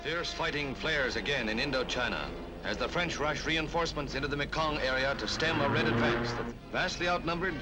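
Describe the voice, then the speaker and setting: A man's voice: mid-range voice, fairly quick. A man announcing war news in the urgent, declamatory style of 1950s newsreel commentary. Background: loud music.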